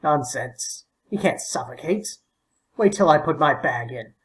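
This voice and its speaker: A man's voice: a little high, animated, a little slow, low-quality recording. A man voicing a stubborn, fussy old man in an audiobook, peevish and sputtering. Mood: testy. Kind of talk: audiobook character voice.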